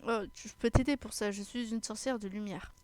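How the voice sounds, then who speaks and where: A woman's voice: on the high side, steady tone, a little fast, darkish tone, dry recording, close to an everyday voice. A woman voicing a shy young witch girl who speaks in a hesitant, polite way. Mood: curious.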